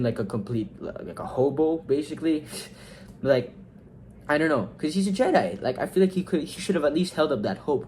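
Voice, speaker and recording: A man's voice: mid-range voice, slight background noise. Rambling young man ranking movies. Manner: rambling, fillers and quoted reactions, swings up when excited. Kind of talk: casual film review.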